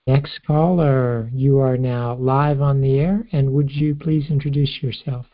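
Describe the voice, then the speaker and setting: A man's voice: mid-range voice, steady tone, measured pace, dull audio. A man co-hosting a call-in radio show, briefly announcing callers and thanking guests. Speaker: co-host taking calls.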